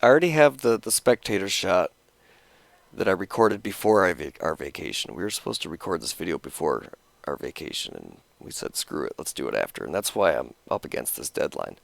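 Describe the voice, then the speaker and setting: A man's voice: sits low, very animated, fairly quick, gravelly, no echo. A man casually explaining how he edits his video, rambling and restarting his sentences with a cigarette in his mouth. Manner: rambling, self-interrupting, talking around a cigarette.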